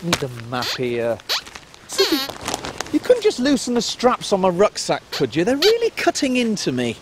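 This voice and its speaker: Kids show host type, fussy excitable trip leader for children's TV comedy, very animated, noisy backdrop. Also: male voice, high voice, moderate pace. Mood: flustered. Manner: kids show host, exclaiming and mock-stern. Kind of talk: scripted children's comedy acting.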